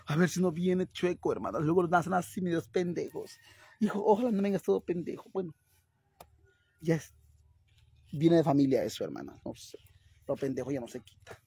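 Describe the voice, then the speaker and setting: A man's voice: fairly high pitch, animated, normal speed, gravelly, long pauses, warm tone, slightly rough, dry recording, heavily acted. Man playing a whiny young woman. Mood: fretful. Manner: whiny, sighing, keeps repeating "ay, hermanas". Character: crude, fretful young woman who thinks she's pregnant. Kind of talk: comedic vlog skit.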